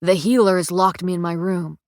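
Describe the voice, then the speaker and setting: A woman reading the lines of a remorseful young male soldier in a soft, choked, low-key way. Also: steady tone, moderate pace, no room sound, clean studio sound, lightly acted.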